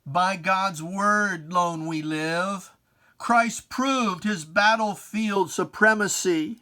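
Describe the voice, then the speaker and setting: A poetry reader gives a dramatic rendition of religious verse, theatrical, deliberate and taunting, with pointed pauses. The voice is medium-pitched and sharp.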